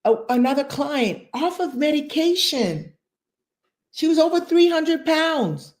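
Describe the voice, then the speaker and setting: Emphatic woman in her sixties, higher voice. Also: very animated, a little slow, darkish tone. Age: 60s. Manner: emphatic, repeats phrases for emphasis. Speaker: fitness and nutrition coach. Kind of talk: interview guest.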